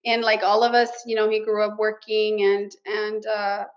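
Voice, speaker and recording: A woman's voice: medium pitch, completely flat delivery, moderate pace. Middle-aged woman, grew up in mexico and nebraska, earnest and emotional, dull lo-fi sound. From Mexico, raised in Nebraska. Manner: earnest, emotional, with Spanish words mixed in. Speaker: interview guest, business owner. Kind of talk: personal story in an interview.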